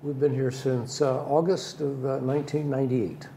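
An older man answering in a studio interview, unhurried and hesitant with dry humor. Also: medium pitch, steady tone, vocal fry, warm tone, a little hiss or hum. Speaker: bocce club member. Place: TV studio set.

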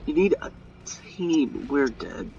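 A young man talks through his game in a slightly high, unhurried voice, swearing and grumbling at his teammates. He sits back from the mic, and faint game sounds hum behind him. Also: sing-song, vocal fry, a little mellow, recorded from a distance, highs cut off. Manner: swears often, exasperated muttering at teammates. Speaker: gamer streamer. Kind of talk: live gameplay commentary. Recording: mic set back, faint background noise.

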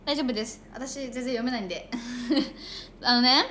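A woman's voice: on the high side, moderate pace, sharp tone, a little hiss or hum. A young woman chatting casually on a livestream, reading viewer comments aloud. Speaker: idol livestreamer.

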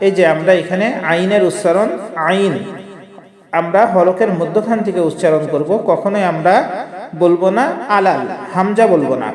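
A man teaching a prayer word by word, chanting each word slowly in a melodic way and then explaining the pronunciation rules quickly. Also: high voice, darkish tone, roomy sound, in a large hall. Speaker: Quran recitation teacher. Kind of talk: word-by-word recitation lesson.

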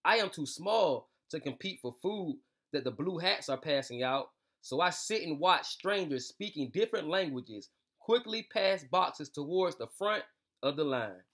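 A young man hosts a children's read-aloud show from a small indoor room, giving a casual intro before reading a storybook. He speaks informally and with slang, straight to his young listeners, in a fairly high, expressive, fairly bright voice at a slightly slow pace.

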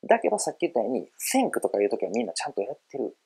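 A man's voice: medium pitch, very animated, racing, vocal fry, dark tone, breathy edge, poor audio. A middle-aged man teaching English pronunciation in a casual video lesson, explaining in a friendly way and demonstrating words with exaggerated emphasis. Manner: friendly, explanatory, calls himself an old guy.

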